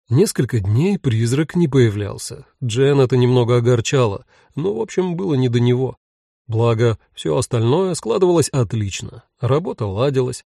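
Wry male audiobook narrator with creak. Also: mid-range voice, warm tone, no room sound, clean studio sound. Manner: wry, ironic storytelling. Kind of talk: scripted storybook narration.

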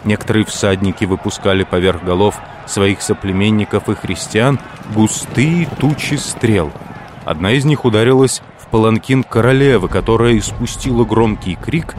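A man narrating a historical novel in a measured, unhurried storytelling manner. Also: fairly low pitch, noisy background. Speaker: audiobook narrator. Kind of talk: scripted literary narration.

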